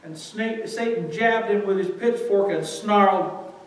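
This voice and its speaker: A man's voice: high voice, unhurried. A man emceeing a party, telling a comic roast story with a dry setup building to punchlines, recorded from far off in a large room. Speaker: master of ceremonies. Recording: echoey hall from far off.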